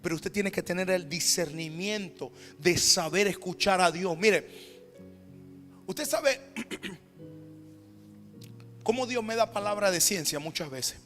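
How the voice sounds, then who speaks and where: A high-pitched male pastor with a Panamanian Spanish accent delivers a sermon, swinging between ringing, emphatic declarations and hushed, quiet stretches. His voice carries a long church-hall reverb, with soft music playing underneath. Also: slow pace, long pauses. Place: church sanctuary.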